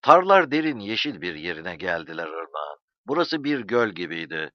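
A man narrates an audiobook in a low voice, reading dramatically. His pitch swings widely and stays animated. The recording is dry and slightly muffled. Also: normal speed, dry recording. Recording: dull lo-fi sound.

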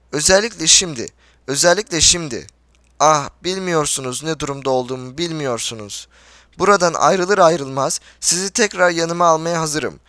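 A man's voice: fairly high pitch, fairly bright tone, dry recording. A man reading a blustering old general. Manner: indignant, blustering, then imploring. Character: pompous blustering older male general. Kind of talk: audiobook character reading.

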